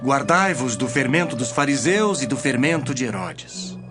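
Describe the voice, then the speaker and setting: A man playing Jesus as a grave, deliberate teacher in a dramatized audio Bible. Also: mid-range voice, expressive, natural voice. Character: Jesus, solemn adult male teacher, grave and reproving. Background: music.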